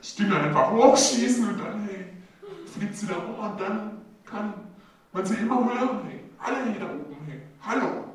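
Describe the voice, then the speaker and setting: A man doing a rambling, absurd stand-up monologue, dropping "hey" into nearly every phrase with halting, repetitive wording. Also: sits high, expressive. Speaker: stand-up comedian. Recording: very echoey hall, mic far off, audience laughing. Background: audience laughter.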